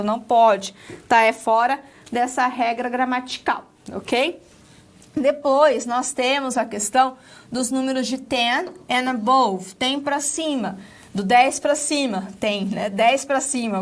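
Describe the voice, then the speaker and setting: Brazilian woman, high voice, patient English teacher with lots of "ok?" check-ins. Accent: Brazilian Portuguese. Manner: explains step by step with many "ok?" checks. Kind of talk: recorded lesson.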